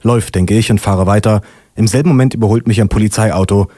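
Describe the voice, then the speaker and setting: A man's voice: fairly low pitch, quick pace, dark tone, dry recording. A man from Leipzig performing a dry, sardonic spoken-word story as a poetry slammer.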